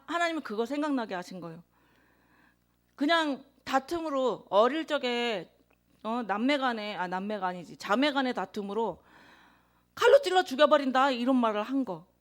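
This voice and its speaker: A woman preaching a sermon, telling a personal confession in an earnest tone with emphatic swells of loudness. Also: on the high side. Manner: introverted by her own account.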